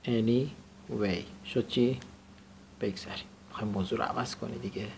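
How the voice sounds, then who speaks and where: A man's voice: fairly low pitch, steady tone, vocal fry, darkish tone, a little hiss or hum. A young adult man teaching a classroom vocabulary lesson, explaining grammar and having students repeat phrases after him. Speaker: English teacher.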